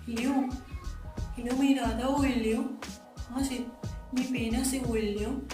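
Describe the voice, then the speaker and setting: A man's voice: steady tone, unhurried, roomy sound, over music. Man doing a pleading young woman caller. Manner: high thin pleading voice, repeating hello.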